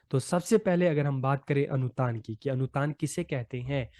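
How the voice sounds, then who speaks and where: A man's voice: on the high side, a little mellow, no echo, studio quality. A man teaching a lesson, explaining patiently and repeating his main points.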